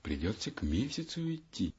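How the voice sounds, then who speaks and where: A man voicing a gentle, soothing mother figure in a children's fairy tale. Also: deep voice, very animated, a little slow, breathy edge, full character voice. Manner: soft, soothing, sighing. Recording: dull lo-fi audiobook recording.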